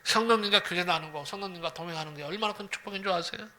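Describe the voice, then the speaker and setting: Male pastor, high voice, storytelling sermon, repeats key phrases. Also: very fast, slight background noise. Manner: lively, repeats phrases, asks the congregation questions.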